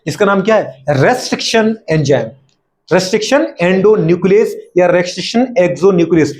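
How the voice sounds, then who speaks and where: A man's voice: high voice, lively intonation, brisk, a little mellow. A male biology teacher with a Hindi accent, lecturing a class, often asking questions and answering them himself, teasing his students.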